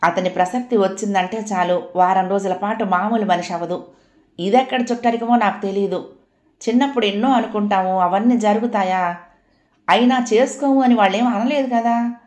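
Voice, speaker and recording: A woman's voice: medium pitch, moderate pace, a little mellow, close to an everyday voice. A woman doing a fretful scolding mother. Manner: fretful, chiding. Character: anxious scolding mother, middle-aged. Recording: roomy echoey home recording.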